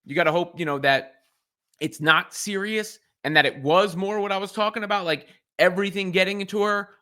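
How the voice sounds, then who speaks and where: A male sports commentator reacting on his own, earnest and thinking aloud, with frequent restarts. His voice sits high and rings bright and forward. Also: fairly quick, smooth. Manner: earnest, repeats and restarts phrases while thinking.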